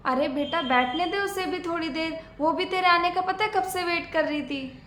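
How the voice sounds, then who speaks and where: A woman playing a gentle, soft-spoken older mother who calms and mildly scolds her daughter. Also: very high-pitched, normal speed. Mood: soothing. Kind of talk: homemade family skit acting. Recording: echoey room.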